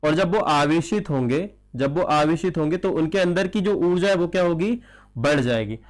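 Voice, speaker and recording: High-voiced Indian man teaching chemistry. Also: animated, normal speed. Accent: Hindi. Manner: questions students, answers himself; calls listeners child. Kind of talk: classroom lecture.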